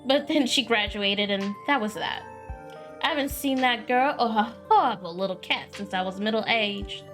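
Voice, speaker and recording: Brief: friendly small-town young woman, folksy and wry, pitched a bit high, read by a woman gamer, soft music under. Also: moderate pace, natural voice. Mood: chatty.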